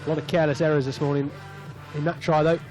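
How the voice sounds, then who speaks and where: A male commentator calling a rugby match live from an outdoor stadium stand, his voice sitting a touch high for a man. He chats easily between plays and lifts when the action opens up. Faint music plays somewhere behind him. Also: fast talker. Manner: chatty, rising excitedly on breaks. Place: open stadium stand in hot weather.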